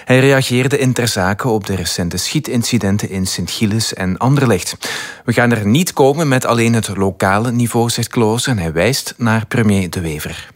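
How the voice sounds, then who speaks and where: A man's voice: lowish voice, moderate pace. A man with a Flemish accent reading a scripted radio news bulletin. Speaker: news reader.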